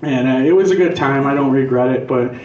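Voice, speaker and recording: A man's voice: mid-range voice, a little fast, darkish tone, slight background noise. Male stand-up comic, profane casual monologue, conversational and punchy, muffled sound, a little off the mic. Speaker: stand-up comedian. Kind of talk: stand-up comedy monologue, crude casual rant. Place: live comedy venue on stage. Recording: echoey club room, distant dull mic.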